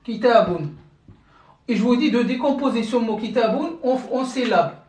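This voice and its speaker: A language teacher on a live stream speaks a little fast in a medium-pitched, slightly mellow voice. The lesson unfolds patiently step by step, with regular check-ins with viewers and frequent restarts and repeated words. Distance from the mic makes the audio roomy.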